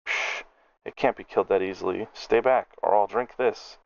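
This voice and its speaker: A man's voice: fairly low pitch, normal speed, gravelly, muffled recording. A man voicing a cranky male gnome alchemist who rants and snaps in furious tirades. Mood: snappish, blustering.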